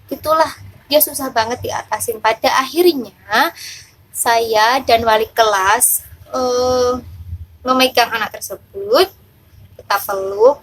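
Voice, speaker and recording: Young female teacher, fairly high voice, halting delivery with lots of fillers. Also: fairly bright tone, rough recording. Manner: hesitant, with frequent fillers and pauses. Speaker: kindergarten teacher. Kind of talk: casual talk on a child's behaviour.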